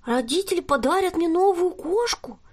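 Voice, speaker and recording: A woman's voice: very high voice, expressive, normal speed, a little mellow, pitched above the performer's own voice. A woman voicing a shy, timid little girl with a tiny voice.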